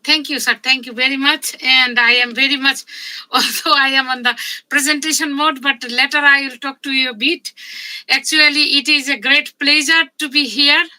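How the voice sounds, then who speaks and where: A woman in her fifties, a medical researcher giving a conference talk in a halting, measured way with frequent pauses. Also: high-pitched, fairly even intonation, pushed and bright, poor audio. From Bangladesh. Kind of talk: conference presentation.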